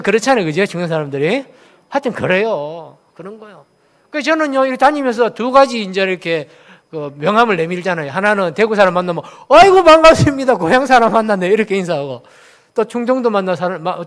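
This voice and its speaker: A man's voice: high voice, a bit bright. A man from Daegu, South Korea, preaching a sermon as a pastor, asking the congregation questions and having them repeat phrases after him.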